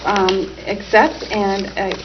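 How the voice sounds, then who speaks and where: A woman's voice: medium pitch, little pitch movement, slow pace, background noise. A woman on a school board, reading out items at a meeting with frequent ums. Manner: reads items with frequent fillers. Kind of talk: meeting business. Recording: dull community TV audio.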